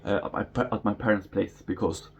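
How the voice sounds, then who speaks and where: A fairly low, husky, creaky male voice talks briskly in a steady tone as he walks through his apartment. He is from Norway, speaks English as a second language, and runs an aquarium hobby vlog, casually rambling and laughing whenever he stumbles over a word. The indoor home recording is slightly dull, with a faint noise floor.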